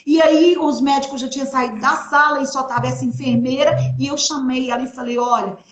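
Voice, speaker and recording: A young woman telling an emotional faith testimony in a live chat, animated, quoting the people she met along the way. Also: sits high, fast, reverberant. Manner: animated storyteller, quoting others in her retelling. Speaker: guest sharing her testimony.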